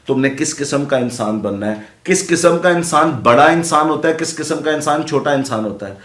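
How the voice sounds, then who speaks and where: A man's voice: on the high side, lively intonation, a bit bright. A middle-aged man speaking as a podcast guest, earnest and lecturing, slipping English words into his talk. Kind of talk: casual chat. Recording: roomy studio echo.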